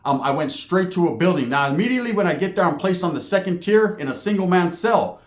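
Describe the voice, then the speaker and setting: A man's voice: high-pitched, animated, quick pace, echoey room. A man telling a story about his time in prison, streetwise and profane, full of slang and asides. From California. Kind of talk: casual storytelling.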